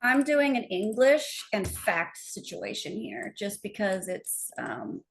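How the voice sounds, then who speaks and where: Relaxed woman co-presenting a demo. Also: mid-range voice, slow, gravelly. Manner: relaxed, talks through her edits as she goes. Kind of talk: conference workshop demo.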